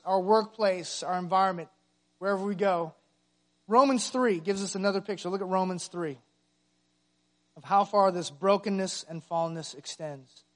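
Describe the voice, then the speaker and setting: A man with a high voice preaching from the pulpit. He speaks with emphasis and keeps asking his congregation rhetorical questions. He comes across as a middle-aged pastor in the middle of a sermon.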